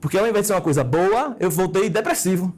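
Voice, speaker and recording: A man's voice: sits high, expressive, fast, darkish tone. A man, teaching an orthodontics course in a brash, joking, slangy and emphatic way. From Recife, Brazil. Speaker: orthodontics lecturer. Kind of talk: casual lecture with anecdotes.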